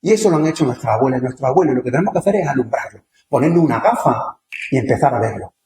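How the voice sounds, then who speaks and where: A man with an Andalusian accent gives a conference lecture in a lecture hall, his medium-pitched, darkish voice reverberant and rapid-fire. He talks conversationally and animatedly, firing rhetorical questions at the audience.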